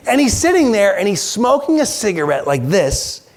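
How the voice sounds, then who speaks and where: A man giving a keynote talk, telling a story in an animated, self-mocking way and acting it out. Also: high voice, normal speed. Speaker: keynote speaker. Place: large conference hall.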